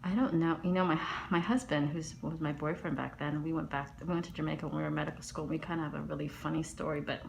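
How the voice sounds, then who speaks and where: A woman's voice: deep voice, fairly even intonation, fast talker, creaky, few pauses, a little hiss or hum. A middle-aged woman dermatologist chatting and telling stories while she works on a patient in a medical office, often dropping to a murmur. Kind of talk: chatting while performing a procedure.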